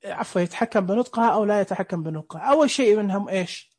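A man's voice: high-pitched, rapid-fire, darkish tone, breathy edge. A man teaching a screen reader class online, explaining each setting step by step and asking the listeners questions. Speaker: instructor. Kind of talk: screen reader software tutorial.

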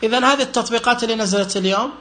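A man presenting a casual tutorial walkthrough, thinking aloud in a halting, explanatory way. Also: very high voice, heavy background noise. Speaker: presenter demonstrating a phone app with a screen reader.

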